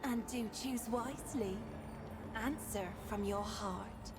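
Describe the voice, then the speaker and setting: Ethereal game tree spirit: bubbly, girlish Valley Girl accent, higher voice, theatrical and leisurely. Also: takes it slowly. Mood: playful, bubbly. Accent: Californian Valley Girl. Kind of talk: theatrical video game dialogue. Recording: game music behind the voice.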